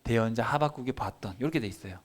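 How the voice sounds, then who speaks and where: A man preaching a Bible sermon for children and families, explaining the text and acting out quoted prayers with lively shifts in voice. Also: mid-range voice, racing. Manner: animated, acts out quoted prayers and God's replies. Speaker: pastor. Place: church service.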